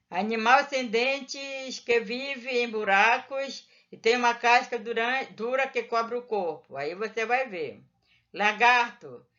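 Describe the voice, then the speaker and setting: Slow, patient woman teacher, lo-fi sound. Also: fairly high pitch, a bit bright. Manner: slow, patient, drawn-out syllables. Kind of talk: explaining a textbook lesson to children.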